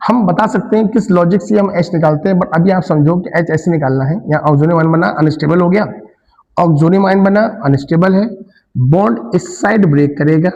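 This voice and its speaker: High-voiced slow male chemistry teacher. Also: a little mellow, long reverb tail, dull audio. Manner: asks students questions and answers them himself; mixes Hindi with English terms. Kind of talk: classroom lecture.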